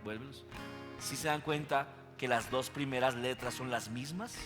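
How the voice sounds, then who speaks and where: A man's voice: medium pitch, moderate pace. A male pastor giving a sermon, teaching and putting questions to his congregation. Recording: echoey hall with faint guitar.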